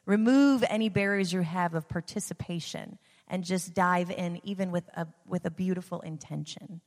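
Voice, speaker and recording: A woman's voice: lowish voice, moderate pace. A woman giving an informal, conversational sermon in an encouraging manner, repeating phrases for emphasis. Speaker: church speaker leading a giving appeal. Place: large reverberant room, addressing a gathering. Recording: reverberant hall sound.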